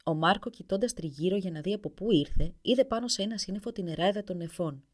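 A woman narrating a folk tale in an expressive storybook reading. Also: lowish voice.

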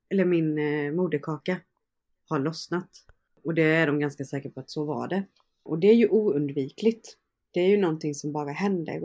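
Young woman, warm dark tone, casual storytelling, lots of fillers and quoted dialogue. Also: lowish voice. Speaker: interview guest. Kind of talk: personal storytelling in conversation.

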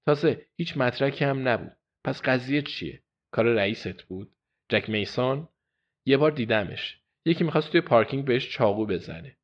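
A man's voice: medium pitch, expressive, dull audio, pitched above the performer's own voice, natural voice. A man voicing a charming, pushy, manipulative woman who coaxes and presses. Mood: sweet-talking. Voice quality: coaxing, sweet-talking.

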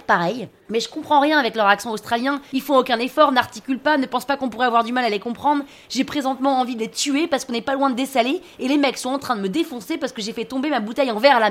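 A woman telling a funny story about herself at a brisk clip, her voice a little high. Her narration is scripted and wry, full of self-mocking asides. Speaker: podcast storyteller.

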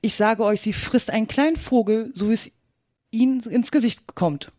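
A woman's voice: on the high side, normal speed, no room sound, studio quality, lightly acted. A woman voicing Alice, a curious, earnest young girl who speaks eagerly and politely.

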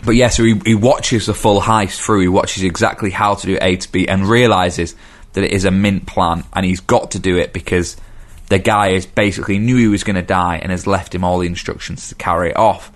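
A man, co-hosting a casual film chat and sharing trivia in a relaxed way. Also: sits low, a little fast. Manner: relaxed storyteller, shares trivia.

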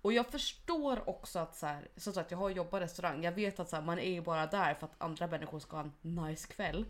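A young woman chatting casually as co-host, telling stories with lively energy. She trips over restarts and fillers and drops English phrases in as she goes. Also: lowish voice. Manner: animated storyteller, mixes in English phrases. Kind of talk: casual chat.

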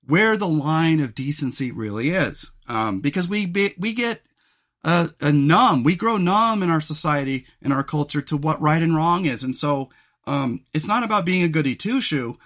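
A male podcast host talking alone in a rambling, reflective way, losing his voice and clearing his throat often. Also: a little high, a bit bright. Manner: rambling and reflective, many fillers and restarts. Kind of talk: solo podcast monologue.

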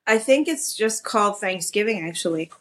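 Woman, tired, candid casual chat, bright tense voice, podcast co-host on a call. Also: medium pitch, expressive, normal speed. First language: Norwegian. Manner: candid, talks openly about her feelings. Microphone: online call.

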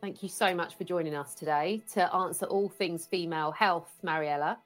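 A woman hosting a podcast, reading a scripted introduction and then interviewing her guest in an upbeat, clear presenter manner. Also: fairly low pitch, moderate pace, faint music behind. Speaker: podcast host.

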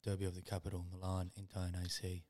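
Low-voiced laid-back podcast co-host. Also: male voice, monotone, fast talker, dark tone, no echo, clean studio sound. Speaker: podcast co-host, quiz contestant. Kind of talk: casual chat.

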